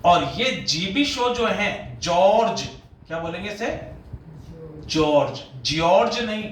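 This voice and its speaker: A man's voice: sits high, lively intonation, unhurried, fairly bright tone. A man with an Indian English accent, an English literature professor giving an exam-prep lecture, patiently explaining and repeating pronunciations. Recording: echoey room with faint ambient noise.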